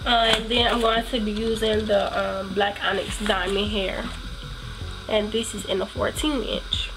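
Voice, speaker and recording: A woman's voice: medium pitch, level tone, measured pace, over music, low-quality recording. A woman with a cold and a stuffy nose, chatting casually through a hair tutorial and rambling with plenty of ums. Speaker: hair vlogger.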